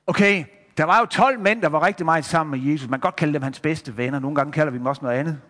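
A man tells a Bible story to children, lively and speaking straight to his listeners as he shows pictures. His voice sits high for a man, and a long hall reverb trails each phrase. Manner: lively, addressing listeners directly, showing pictures.

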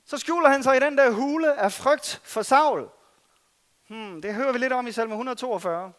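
A man with a high voice for a man preaches a sermon in an earnest way. He drives some phrases hard and drops others to a soft aside. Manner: earnest, swings between loud stress and soft asides. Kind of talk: sermon with scripture reading.

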